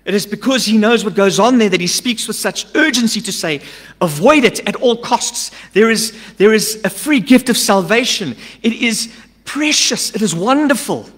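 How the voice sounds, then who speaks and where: Middle-aged pastor preaching, lively, reverberant hall. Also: male voice, sits high, normal speed, hardly any pauses. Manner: emphatic, swings between loud urgent lines and hushed asides. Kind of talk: sermon. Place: church stage. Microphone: stand mic at a pulpit. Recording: long church-hall reverb.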